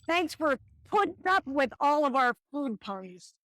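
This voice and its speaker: A woman's voice: sits high, big pitch swings, a little slow, fairly bright tone, no echo, exaggerated voice. A woman playing a peppy, wisecracking school lunch lady heroine in a hammy comic skit, full of exclamations. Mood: delighted. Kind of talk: live comic audiobook-style skit.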